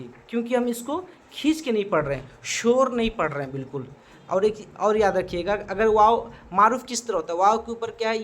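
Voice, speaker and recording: In an exam prep grammar lesson, a male teacher works through multiple-choice questions, posing them and answering them himself while checking in with the class often. His voice sits high and sounds a bit bright.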